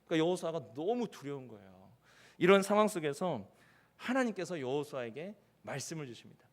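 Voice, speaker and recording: A male pastor preaching an evening sermon, animated, acting out quoted speech and leading the congregation in reading aloud. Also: a little high, a little fast.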